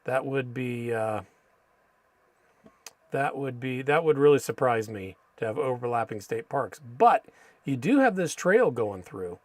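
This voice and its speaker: Male stream host, American, dry close sound, casual halting map commentary, Spanish words in an American accent. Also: medium pitch, expressive, dry recording. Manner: halting, thinking aloud. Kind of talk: casual live stream commentary while reading maps.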